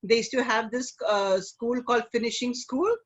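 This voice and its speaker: A middle-aged woman with an Indian accent speaks conversationally as an interview guest, in a halting way peppered with "you know". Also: a little high, fairly even intonation. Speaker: guest, image consultant. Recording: dull lo-fi online call audio.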